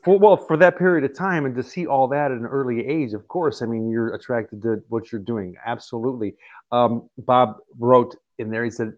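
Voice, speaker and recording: A soft-spoken interview host keeps the talk going with gentle affirmations and short questions. The audio sounds muffled and lo-fi. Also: medium pitch, moderate pace. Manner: quiet affirming listener, frequent mm-hmms. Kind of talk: casual interview conversation.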